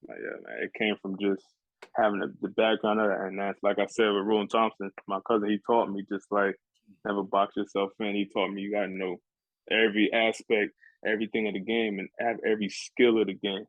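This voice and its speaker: A young man from New Jersey, a college basketball player, answering interview questions in a relaxed, polite way. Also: lowish voice, a little fast, no room sound. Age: young adult. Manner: laid-back, polite, keeps saying "yes, sir". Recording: dry, phone-like lo-fi sound.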